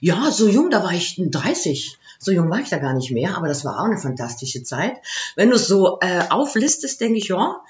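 A woman's voice: on the low side, sing-song, moderate pace, lo-fi sound. A woman in her fifties from the Netherlands with a Dutch accent, a guest in an interview, chatty and laughing easily. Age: 50s. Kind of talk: interview conversation.

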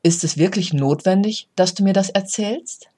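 A coach reading a parable, voicing a calm, wise old male philosopher who speaks slowly and gently instructs. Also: medium pitch, husky, lightly acted. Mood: calm, admonishing. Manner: slow, measured, gently instructive. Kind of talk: storytelling.

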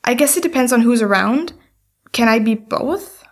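An actress as a heartbroken young woman in an audio drama. Her voice is slightly high, and she talks in an anxious, apologetic way, putting herself down. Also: expressive, normal speed. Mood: dejected. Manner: self-deprecating, apologetic. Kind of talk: scripted audio drama dialogue.

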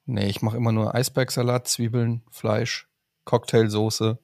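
A man's voice: mid-range voice, level tone, a little slow, gravelly, a little mellow, no echo, clean studio sound. A man co-hosting a casual podcast, playful and self-mocking, who drifts into jokes. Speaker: podcast co-host. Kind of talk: casual chat.

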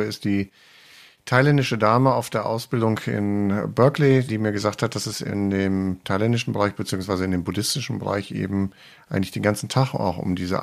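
A man co-hosting a leadership podcast in casual conversation, speaking in a relaxed, thoughtful way. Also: lowish voice, vocal fry. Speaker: podcast co-host, leadership coach.

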